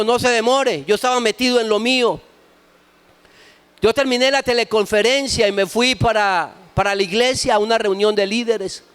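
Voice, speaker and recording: A middle-aged man, preaching a sermon as pastor with impassioned storytelling that rises at times to shouts. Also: sits high, clean tone.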